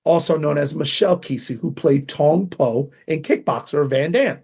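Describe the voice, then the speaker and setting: A middle-aged man, a martial arts grandmaster, telling animated stories in an interview, acting out quotes with sudden jumps in pitch. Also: normal speed, gravelly, slightly rough. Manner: excitable, acts out quotes with big pitch jumps.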